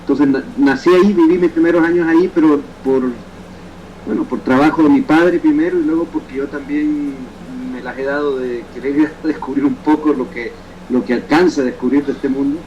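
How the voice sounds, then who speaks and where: A man in his fifties from El Salvador with a Salvadoran Spanish accent, speaking as an interview guest in a reflective, halting way with frequent restarts. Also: on the high side, fairly even intonation, darkish tone, dull audio, a little hiss or hum. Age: 50s. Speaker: guest, photographer and poet. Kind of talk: remote interview conversation.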